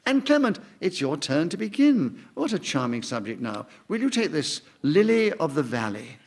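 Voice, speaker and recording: Formal male game-show chair, brisk, slightly high voice. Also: sing-song, a little mellow. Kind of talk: panel game hosting.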